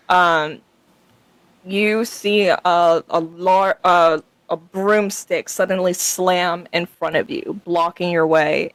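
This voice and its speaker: A woman's voice: lowish voice, no echo. A woman running a tabletop game as game master, narrating in a casual, improvised way.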